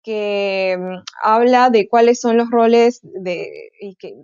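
A woman's voice: medium pitch, takes it slowly, a little mellow, clear, resonant tone, no room sound. Hesitant woman, dull dry audio. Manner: hesitant, with frequent filler sounds and restarts. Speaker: conference speaker. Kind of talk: online tech conference talk.

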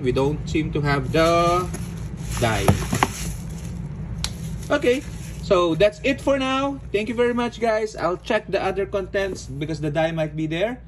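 A man from the Philippines casually narrating an unboxing, relaxed, with frequent "okay"s and fillers. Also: on the high side. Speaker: unboxing vlogger. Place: indoors at a table. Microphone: phone or camera filming hands overhead. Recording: home recording with audible background noise.

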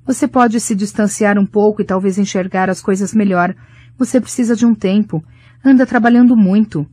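A woman reading the part of a gentle, anxious mother calling her daughter. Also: medium pitch, moderate pace, natural voice. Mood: tender, concerned. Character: warm worried middle-aged mother on the phone.

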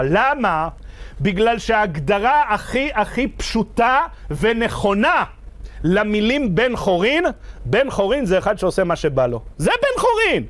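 A man with a high, bright voice preaches a Torah lecture as a rabbi, lively and full of questions to his listener. He slows down to lean on key words. The sound is close and dry, with no room around him. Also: no room sound. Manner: animated, rhetorical questions to the listener; slows down to stress verses.

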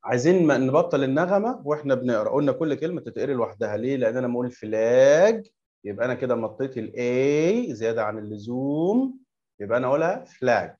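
A man's voice: mid-range voice, lively intonation, warm tone, muffled recording. Egyptian man drilling kids over a call. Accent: Egyptian Arabic. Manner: patient, corrective, repeats words slowly for pupils to echo. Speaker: English teacher. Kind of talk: online class drilling young pupils. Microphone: video call.

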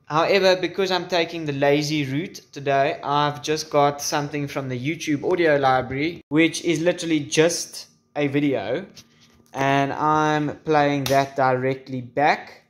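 This tutorial presenter is a man in his 20s with a fairly high, steady voice and an unhurried delivery. He runs an informal how-to demonstration indoors in a small home room, adding wry, joking asides and the odd mild swear. The camera's own microphone picks him up from shifting distances.

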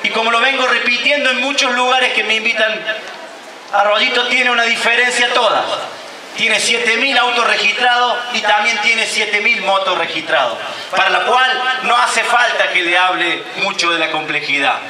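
A man's voice: sits high, moderate pace, a crowd in the background. A man in his thirties with an Argentine accent, a mayor reading a formal speech at an outdoor ceremony. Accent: Argentine Spanish. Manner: declamatory, reading a prepared speech. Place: outdoor covered stage at a public ceremony. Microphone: stand mic at a lectern. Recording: echoey outdoor PA sound from far off.

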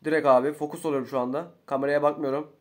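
A young man, commentating his own gameplay casually, slangy and excitable, swinging between low muttering and loud outbursts. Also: racing. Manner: slangy, swears often. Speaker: gaming YouTuber.

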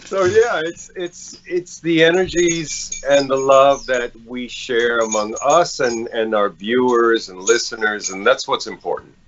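A man's voice: medium pitch, fairly even intonation, a little slow, few pauses, fairly bright tone, dull audio. A man hosting a podcast, praising his guest and often repeating words as he gathers his thoughts. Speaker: podcast host. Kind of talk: casual podcast chat. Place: at someone else's home, not his own.

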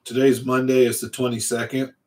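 A man's voice: mid-range voice, flat delivery, fairly quick, a little mellow. A man of forty hosting a fishing channel livestream from a small home room, chatting casually, rambling and answering viewers' comments. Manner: rambling, laid-back, reads and answers chat. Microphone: large studio mic on a stand in front.

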